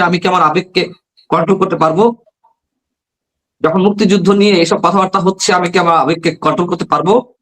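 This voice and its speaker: Impassioned middle-aged male talk show guest, high-pitched, rhetorical. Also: a bit bright, low-quality recording. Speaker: journalist guest. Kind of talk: political talk show argument.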